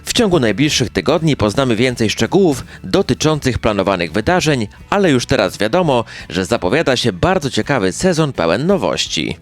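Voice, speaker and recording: A male announcer reads scripted local news in delivery. His mid-pitched voice moves with lively intonation, and music plays softly behind him. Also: brisk, few pauses. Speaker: newsreel narrator. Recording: music bed under voice. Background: background music.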